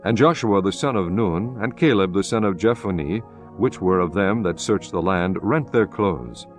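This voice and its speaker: Male narrator for scripture: low-pitched, solemn, measured delivery over a soft music bed. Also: lively intonation.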